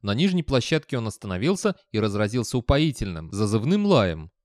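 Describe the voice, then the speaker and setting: A man's voice: on the low side, very animated, a little fast, a little mellow, no echo, studio quality. Man reading an audiobook. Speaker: audiobook narrator. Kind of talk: scripted narration.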